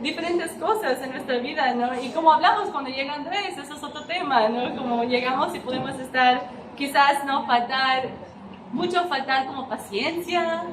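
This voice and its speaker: A young woman giving an informal, emotional sermon at a women's church gathering, chatty and full of tag questions. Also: high voice. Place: church hall. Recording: echoey church hall, distant mic, background noise.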